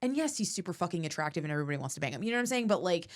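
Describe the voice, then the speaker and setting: Low-voiced woman, swearing podcast guest. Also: very fast. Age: 30s. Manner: animated, swears freely, gets emotional. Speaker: comedian guest. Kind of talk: casual podcast chat.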